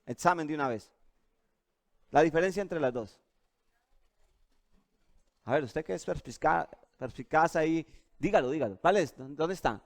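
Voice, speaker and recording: Male preacher, high voice, keeps asking the congregation questions. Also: normal speed, long pauses. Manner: animated and questioning, asks the audience often. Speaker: pastor. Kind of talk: sermon.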